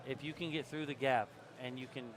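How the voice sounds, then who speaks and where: A man's voice: mid-range voice, steady tone, a little fast. A man in his forties commentating live pool, giving tips to amateur players in a coaching tone. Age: 40s.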